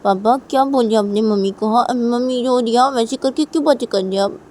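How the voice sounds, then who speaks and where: A woman's voice: fairly high pitch, fairly quick, a little mellow, a little hiss or hum, pitched above the performer's own voice, close to an everyday voice. A woman voicing a small daughter who pleads with her parents in a whiny, repetitive way, in a homemade story. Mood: upset pleading.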